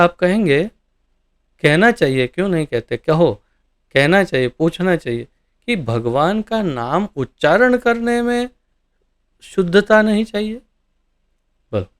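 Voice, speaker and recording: A male preacher leads a scripture class. He speaks slowly and deliberately in a smooth, resonant voice that sits a little high. He keeps putting questions to the listeners and answers them himself. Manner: animated, rhetorical questions to audience. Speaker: ISKCON preacher.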